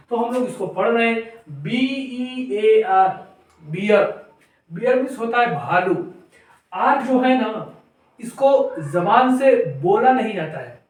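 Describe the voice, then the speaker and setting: A male English teacher giving a whiteboard grammar lesson, spelling words out letter by letter and then explaining them slowly. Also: high voice, recorded from a distance. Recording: very echoey room, voice off-mic.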